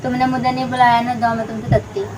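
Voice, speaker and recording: A woman's voice: on the high side, little pitch movement, fast, a little mellow, pitched below the performer's own voice, natural voice. Woman faking a childish baby-talk lisp. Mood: coy. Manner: childish lisping speech. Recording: distant mic, noisy background.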